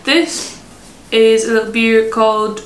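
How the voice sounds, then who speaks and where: A woman's voice: a little high, steady tone, takes it slowly, noisy background. A woman reviewing craft beer in casual chat, chatty and giggly, often trailing off mid-sentence. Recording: echoey room.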